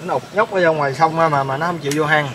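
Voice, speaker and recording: A man's voice: a little high, steady tone, fast talker, fairly bright tone, slight background noise. A man with a Southern Vietnamese accent hosting a casual outdoor cooking vlog, chatty and full of hesitation fillers. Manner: chatty, lots of hesitation fillers, laughs easily. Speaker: channel host.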